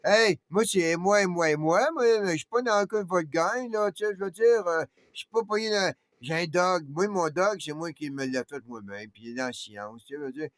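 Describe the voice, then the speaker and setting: A man's voice: sits high, normal speed, hardly any pauses, dry recording. A man with a Québécois accent, talking in a rambling monologue that jumps between ideas, with constant tags like "man" and "hein". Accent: Québécois French.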